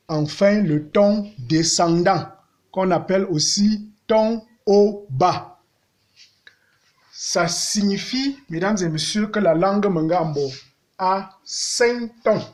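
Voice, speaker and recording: A man teaching a language lesson, speaking deliberately and repeating words as he sings out vowels to show their tones. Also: sits high.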